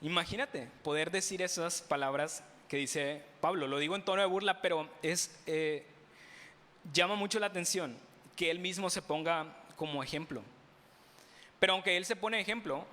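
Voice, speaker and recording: A man's voice: on the high side, moderate pace. A man with a Mexican Spanish accent preaching a sermon in a church, asking the congregation rhetorical questions with playful humor. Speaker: pastor. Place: church sanctuary. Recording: bright voice with long hall reverb.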